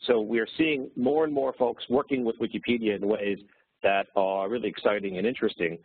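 A man's voice: fairly low pitch, steady tone, a little fast, husky. A man speaking on a phone to present a webinar, explaining steadily with fillers. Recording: dry, tinny phone line.

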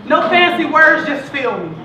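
A woman performing spoken word poetry on stage, rhythmic and rising to shouts. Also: high voice, sing-song, measured pace, a little hiss or hum. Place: large hall. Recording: echoey hall from far off.

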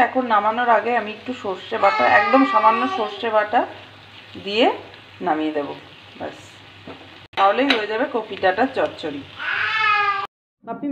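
A woman's voice: on the high side, echoey room, dull audio, noisy background. A woman chatting casually to viewers as she cooks at home in her kitchen. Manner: chatty, addresses viewers directly. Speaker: family vlogger. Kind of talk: casual cooking vlog.

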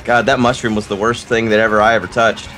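A man's voice: on the low side, flat delivery, quick pace, loud music behind the voice, rough recording. A flustered, self-mocking man chatting while playing a racing game. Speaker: gamer. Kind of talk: casual gaming chat.

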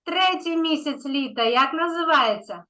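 A woman's voice: high voice, animated, moderate pace, sharp tone, low-quality recording. A woman kindergarten teacher giving an online lesson to a young child, patient and encouraging, stretching out key words.

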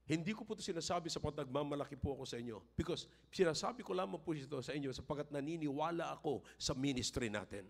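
An older man with a Filipino accent, a pastor giving a sermon that moves between emphatic, raised-voice appeals and relaxed personal storytelling. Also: on the high side, fast, creaky, few pauses.

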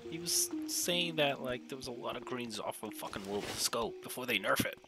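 A man's voice: mid-range voice, animated, moderate pace, sharp tone, faint music behind. A man in casual gameplay chat, talking like a hyped gamer bro with lots of slang and swearing. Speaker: co-player.

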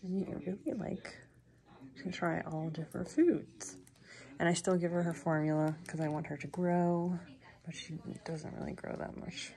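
This is casual vlog chatter from a woman caring for rescued opossums at home, cleaning and feeding them as she talks to the animals in a chatty, offhand way with the odd casual curse. She speaks at a moderate pace in a lowish, mellow voice with vocal fry.

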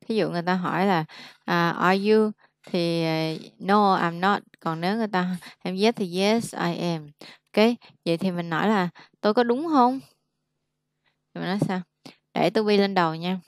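A woman tutoring a student one-on-one, patiently coaxing answers and repeating phrases slowly. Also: fairly low pitch, clean tone, no echo, studio quality. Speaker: English tutor. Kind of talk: one-on-one language lesson.

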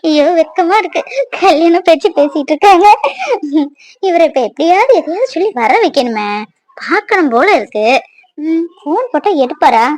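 A young woman voicing a playful, lovesick village girl in a cartoon, teasing and coaxing, quick to sulk. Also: extremely high pitch, expressive, a little mellow. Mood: scheming. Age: young adult. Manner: teasing, coaxing, sulks easily.

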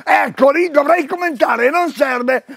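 An older man pitches goods on a TV shopping broadcast, calling out to viewers with loud exclamations. His voice sits very high yet is heavily gravelly, and he takes his time over each phrase. The sound is dry and close. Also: measured pace, dry recording. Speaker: TV shopping presenter. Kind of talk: live store sales pitch. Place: shop floor.

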